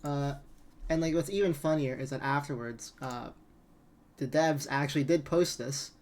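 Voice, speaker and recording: A man's voice: on the high side, normal speed, darkish tone. A man giving a casual, exasperated rant as gaming commentary, incredulous and prone to swearing.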